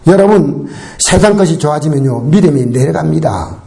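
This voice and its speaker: A male pastor preaching a Sunday sermon in a church. He calls out to the congregation, asks them to repeat after him, and swings between emphatic lines and quiet asides. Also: fairly high pitch, normal speed, gravelly. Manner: animated, call-and-response with the congregation. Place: church sanctuary.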